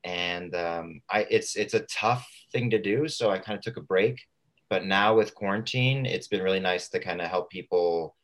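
Low-voiced man chatting casually as a guest. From Southern California. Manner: informal, rambling, halting phrasing. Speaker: radio show guest, fitness coach. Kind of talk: casual interview chat.

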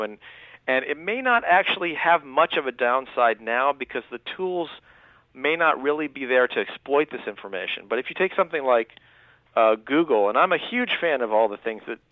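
Thirties male guest, earnest and halting, tinny phone-line audio, dry. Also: medium pitch, dry recording. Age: 30s. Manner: earnest, full of restarts and filler. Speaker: guest, newspaper writer. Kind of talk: radio interview, explaining. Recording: thin phone-line sound.

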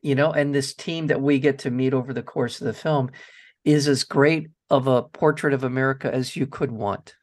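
A man's voice: mid-range voice, fairly even intonation, normal speed. A man hosts a film radio show and chats with a guest director. He sounds enthusiastic and keeps restarting his phrases while he works toward his point. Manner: enthusiastic, thinks aloud with restarts. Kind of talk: radio interview.

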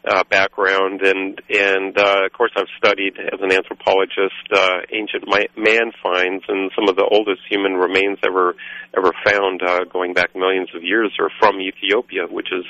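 A very low-pitched man from Guatemala talks in a halting, rambling way full of fillers. His tone is forceful and bright. The dry, dull radio recording has a lo-fi edge. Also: monotone. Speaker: coffee roaster, guest. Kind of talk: radio interview.

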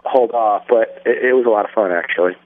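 Interviewed by phone, a young man who makes films responds thoughtfully, often restarting and using fillers. He talks on the low side and fairly quickly, over dry phone-line audio.

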